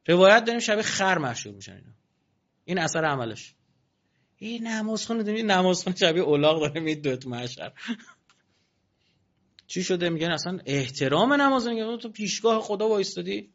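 Guy preaching a sermon, fairly high voice, lively and mocking, dull lo-fi audio. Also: long pauses. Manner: colloquial, animated, mocking asides. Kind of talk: religious sermon. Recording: dull lo-fi recording.

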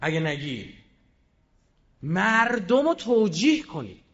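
Male speaker, very high voice, combative rhetorical delivery, echoey hall, muffled recording. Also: very animated. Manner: combative, with rhetorical questions and sudden swings between loud and quiet. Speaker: public speaker. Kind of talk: fiery public speech.

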